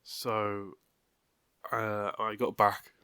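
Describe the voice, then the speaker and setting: A man's voice: lowish voice, flat delivery, drawn-out words, pushed and bright, clean tone, no echo. A young man from England talking casually and out of breath, rambling with lots of fillers and the odd swear word. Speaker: vlogger. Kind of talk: unscripted casual vlog.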